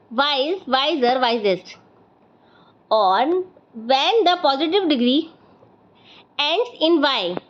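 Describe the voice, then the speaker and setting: A woman teaching English grammar, reading rules out slowly and explaining them quickly in Hindi while calling her students bhai and beta. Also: sits high, lo-fi sound. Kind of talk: bilingual grammar lesson.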